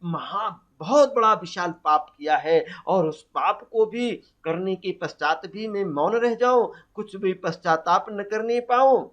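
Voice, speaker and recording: A man's voice: high voice, fairly bright tone. A man teaching a Hindi poetry lesson for exam prep, quizzing students and answering his own questions. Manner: asks questions and answers them himself; recites verse slowly. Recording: dull lo-fi audio.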